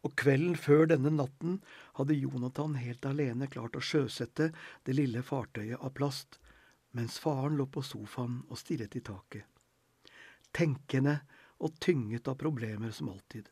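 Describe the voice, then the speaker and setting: Husky male audiobook narrator. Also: mid-range voice, darkish tone, dry recording.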